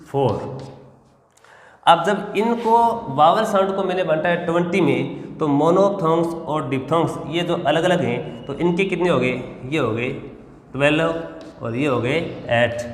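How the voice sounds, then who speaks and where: A male teacher giving a lesson, explaining step by step and answering his own questions. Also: on the high side. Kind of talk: classroom lesson. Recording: echoey room with long reverb.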